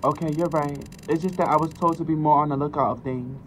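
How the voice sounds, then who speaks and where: A man streaming a game, talking loudly and joking with constant profanity while voicing characters. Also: on the high side, steady tone, quick pace. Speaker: gaming streamer. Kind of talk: casual gaming chat with voice acting.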